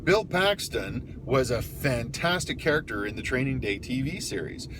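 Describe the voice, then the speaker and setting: A man's voice: medium pitch, big pitch swings, moderate pace. Grumpy older man ranting, very noisy car. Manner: grumpy, exasperated, blunt. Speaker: vlogger. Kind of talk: casual opinionated rant. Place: inside a car. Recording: noisy car interior with vehicle noise.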